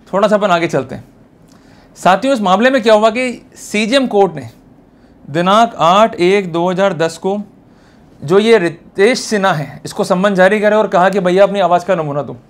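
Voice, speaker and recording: Giving a law lecture, this Indian-accented man speaks in a notably high voice with a teacher's command of the room. His explanations are casual yet forceful, and he keeps turning to his audience with questions to check they follow.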